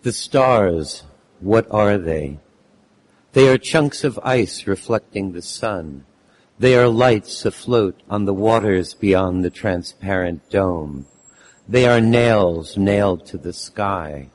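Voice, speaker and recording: A man with a lost, hoarse voice introducing and reading his text at a live poetry event, halting with many fillers. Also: low-pitched, darkish tone. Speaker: poet reading his work.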